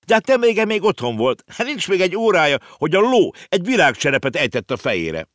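A man's voice: mid-range voice, sing-song, fairly bright tone, dry recording, studio quality, voice pushed up. A man voicing a sensible, blunt young boy in an audiobook reading.

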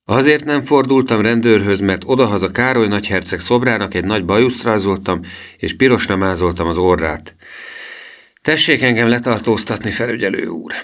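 A man voicing an eager, proud country schoolboy in a storybook reading, talking in an excited, earnest way. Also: fairly low pitch, voice pushed up, natural voice.

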